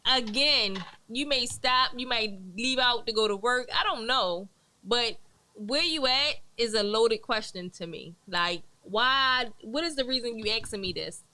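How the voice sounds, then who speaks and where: A woman's voice: fairly high pitch, a little slow, bright, forceful tone. A woman co-hosting a casual panel talk show, chatty and often chiming in with "mm-hmm". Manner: frequent affirming "mm-hmm", chatty. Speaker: co-host.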